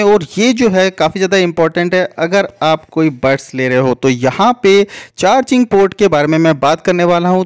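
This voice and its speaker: A man giving a casual voice-over comparison of two gadgets, explaining each point plainly and calling viewers his friends. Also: high voice. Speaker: tech reviewer.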